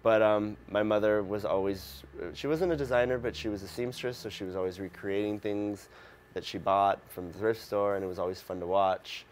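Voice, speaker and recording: A man from Mexico who grew up in Los Angeles, answering a host's questions in a relaxed, halting way with many ums. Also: lowish voice, slight background noise. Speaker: interview guest. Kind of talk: casual interview answers.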